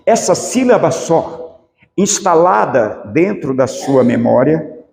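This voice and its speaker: A man's voice: on the high side, big pitch swings, slow pace, vocal fry, darkish tone. A man preaching a sermon as pastor, asking the congregation rhetorical questions. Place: church. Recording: echoey church hall with long reverb.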